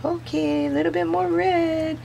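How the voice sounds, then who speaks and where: A woman's voice: extremely high pitch, flat delivery, a little slow, creaky, mellow, slight background noise. A woman chatting casually as she narrates her own craft video, musing to herself in short, offhand phrases. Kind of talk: casual craft vlog chat, thinking aloud.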